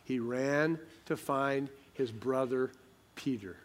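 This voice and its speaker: A man's voice: medium pitch, slow. A man preaching a sermon, emphatic and rhetorical, asking questions and reading scripture aloud.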